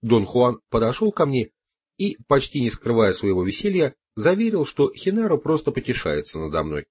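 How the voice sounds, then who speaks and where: A man narrating an audiobook in first person with a measured, expressive reading. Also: mid-range voice, husky.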